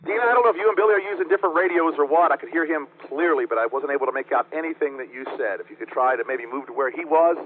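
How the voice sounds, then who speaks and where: A man's voice: a little high, very fast, few pauses. A man acting as net control on an amateur radio net, courteously taking check-ins and spelling out call signs phonetically over the radio. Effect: radio transmission. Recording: tinny narrow-band radio, faint noise.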